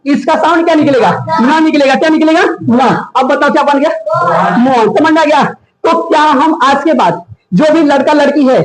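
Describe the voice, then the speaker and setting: A woman teacher giving a classroom phonics lesson, drilling the class with repeated quiz questions. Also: high-pitched. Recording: echoey room.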